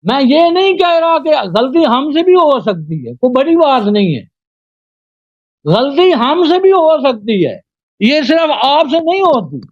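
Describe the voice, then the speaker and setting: A man's voice: extremely high pitch, sing-song, no echo, muffled recording. A Sunni cleric in a live religious debate, lecturing and correcting his opponent.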